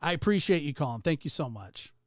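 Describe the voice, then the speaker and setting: Higher-voiced man hosting a casual call-in. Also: very animated, no room sound, studio quality. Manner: easygoing, halting with repeated phrases. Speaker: call-in show host. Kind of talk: casual live call-in chat.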